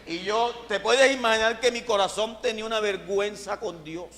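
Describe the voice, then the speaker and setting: A Colombian man preaching a testimony as a pastor, telling the story in an animated way, acting out voices and swinging from shouts to hushed tones. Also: sits high, normal speed, slight background noise. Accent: Colombian Caribbean Spanish. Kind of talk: sermon testimony. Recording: long hall reverb.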